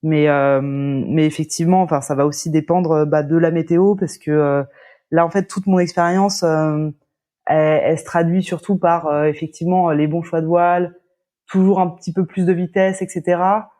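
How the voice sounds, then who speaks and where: Hesitant woman sailor, mellow voice. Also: low voice, steady tone, normal speed. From La Baule, France. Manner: hesitant, many fillers and restarts. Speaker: sailor guest. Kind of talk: casual interview chat.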